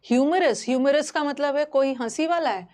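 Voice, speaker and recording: A woman's voice: high voice, moderate pace, darkish tone. A woman teaching a live online exam-prep class, explaining terms in a mix of Hindi and English and checking in with students often.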